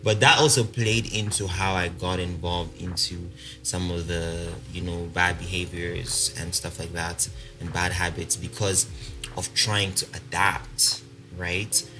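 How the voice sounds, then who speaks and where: Over soft background music, a low-voiced young Congolese man speaking with a South African accent recounts his life as a podcast guest at a measured pace. The casual storytelling interview is animated and full of laughter and fillers.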